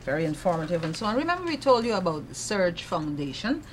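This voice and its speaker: A woman with a lowish voice hosts a morning television program, interviewing her guests. She keeps things friendly and brisk and often adds short affirming murmurs. A faint hiss sits under the voice. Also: very animated. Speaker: morning TV show host.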